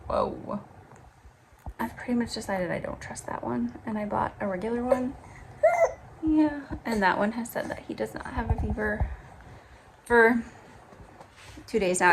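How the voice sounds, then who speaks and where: A young woman vlogging casually to camera as a tired mother, talking softly and rambling with fillers. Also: medium pitch, creaky. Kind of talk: casual vlog talk to camera. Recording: background noise. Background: wind and outdoor ambience.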